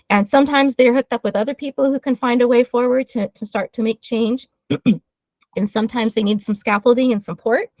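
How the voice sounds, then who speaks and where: Interview guest, woman, 40s; animated and earnest, frequent ums and restarts; dry lo-fi call audio. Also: medium pitch, no room sound. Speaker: guest speaker, trauma-informed ministry leader. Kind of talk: conversational interview talk.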